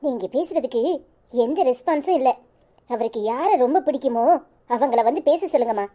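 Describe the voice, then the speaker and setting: A woman voicing a firm female doctor giving brisk instructions in a cartoon. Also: high voice, expressive, warm tone, voice pushed down. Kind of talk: cartoon voice acting.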